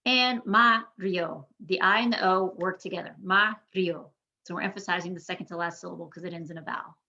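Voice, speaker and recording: A woman teaching a Spanish pronunciation lesson, speaking clearly and patiently and modeling each word slowly. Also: on the low side, steady tone, pushed and bright, highs cut off.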